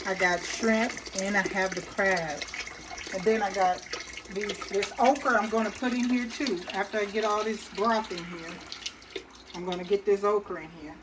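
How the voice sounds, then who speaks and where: A woman talks her viewers through cooking in a relaxed, homey way, pausing on ums and restarting her sentences as she works. Her voice sits at an ordinary middle pitch. Clanking pots and running water are clearly heard in the kitchen around her. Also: noisy background. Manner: talks to viewers while stirring and adding ingredients. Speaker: cooking channel host. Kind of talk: casual cooking demonstration.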